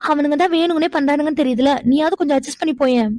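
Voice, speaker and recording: A woman voicing a calm young woman in a cartoon who soothes her angry friend, coaxing in tone. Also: sits high, very fast, lightly acted. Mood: soothing. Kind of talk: cartoon voice acting.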